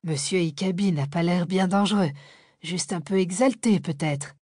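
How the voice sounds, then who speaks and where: A woman reading an audiobook voices a calm, courteous male professor in his sixties who speaks in polite, formal sentences. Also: on the low side, normal speed, no echo, clean studio sound, natural voice. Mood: calm, amused. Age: 60s.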